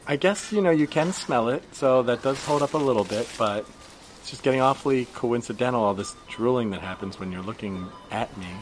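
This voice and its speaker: A man playing a blunt, probing woman shopper and young mother who questions a stranger with deadpan persistence in an improvised comedy scene. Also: medium pitch, fairly quick, a little hiss or hum, lightly acted.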